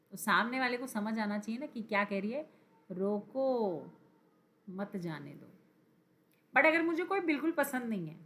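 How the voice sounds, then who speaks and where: A woman teacher giving an exam-prep grammar lesson, slow and emphatic, repeating key words and quizzing her viewers. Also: on the high side, pushed and bright. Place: teaching at a screen.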